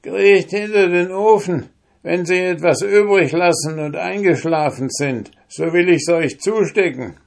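A man voicing an anxious, kindly old woman in a fairy tale, urgent and high. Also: measured pace, vocal fry. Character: old woman in a robbers' house, anxious and kind.

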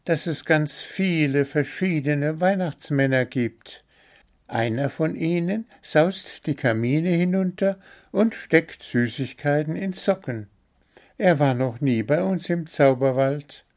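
A man voicing a small, stubborn blue bird in a children's story, talking high and insistent. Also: expressive, takes it slowly.

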